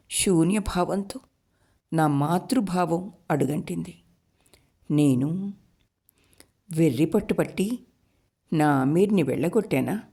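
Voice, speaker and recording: Slow, mellow woman reading a novel. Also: lowish voice, breathy edge. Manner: slow, emotive first-person reading. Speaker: storyteller. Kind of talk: reading a literary novel aloud.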